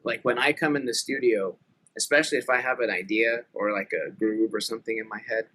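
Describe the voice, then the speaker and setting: A man's voice: on the low side, steady tone, a little fast, bright, forceful tone, slight background noise, low-quality recording. A man in his late thirties talking earnestly and thoughtfully in a casual podcast conversation, with many fillers. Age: late 30s.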